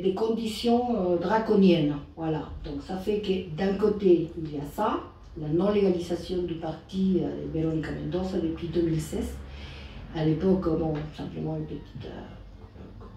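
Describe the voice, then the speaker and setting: A woman's voice: fairly low pitch, unhurried, mellow. A woman from Peru with a foreign, Peruvian Spanish accent in French, giving an informal political talk as an activist and hesitantly searching for her words. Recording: distant mic, echoey room, faint noise.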